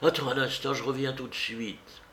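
A man's voice: mid-range voice, steady tone, moderate pace, a bit bright, pitched above the performer's own voice, close to an everyday voice. A man voicing an elderly aunt in an audiobook, fussy and shrewd, with a quavering sing-song manner. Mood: fretful.

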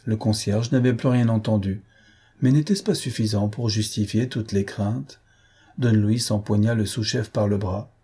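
A man reads a classic adventure novel aloud with a mellow, dark voice. The tone is husky, and he carries the narration in a dramatic, measured way. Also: lowish voice, fairly even intonation. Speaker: audiobook narrator. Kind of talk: scripted literary narration.

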